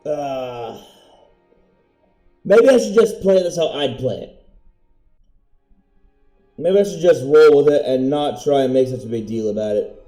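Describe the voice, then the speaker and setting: A man's voice: mid-range voice, lively intonation, measured pace, pauses often, mellow, echoey room, soft background music, poor audio. A man streaming a game live, thinking aloud in a musing, hesitant way. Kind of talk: live gameplay commentary.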